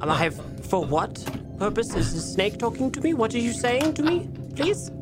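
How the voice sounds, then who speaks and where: A woman putting on a stiff, formal foreign gentleman who talks in slow, halting, overly proper sentences and swings his pitch up and down a lot. He insists on odd claims about where he's from, and music plays behind him. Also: sing-song. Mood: insistent. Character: stiff German man claiming Ohio roots. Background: background music.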